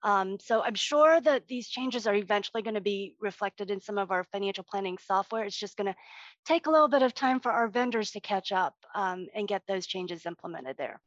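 A woman speaking as a financial expert guest, explaining in a halting, hesitant way in an interview. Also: medium pitch, lively intonation, dry recording. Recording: dry, slightly dull lo-fi audio.

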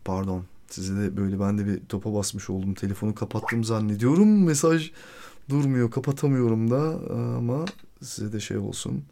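A man hosting a podcast, telling a personal story in a casual, animated way and acting out the quoted dialogue. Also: fairly low pitch, moderate pace, gravelly. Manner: swears freely. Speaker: podcast host.

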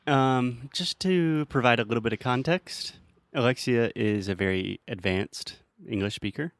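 In a casual English-learning podcast, the host teases his guest while patiently walking through grammar with examples. His voice is mid-range, his speed normal, and there's no room sound.

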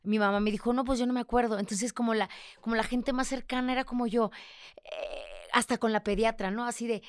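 A woman's voice: fairly high pitch, fairly even intonation, a little fast, smooth, no room sound, studio quality. A young woman with a Mexican accent, speaking frankly and emotionally as a guest in a candid conversation, swearing freely and acting out the voices she quotes.

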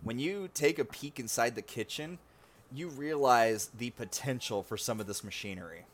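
Male game master, casual and filler-heavy, mid-pitched. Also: moderate pace. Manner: casual, filler-heavy narration with many likes and ums. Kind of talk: narrating a tabletop game.

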